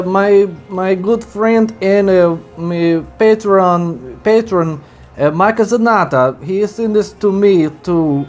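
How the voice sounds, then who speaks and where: A man vlogging about flying a toy helicopter indoors at home, talking casually in deliberately broken, halting English. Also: sits high. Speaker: RC hobby vlogger. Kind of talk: casual vlog commentary.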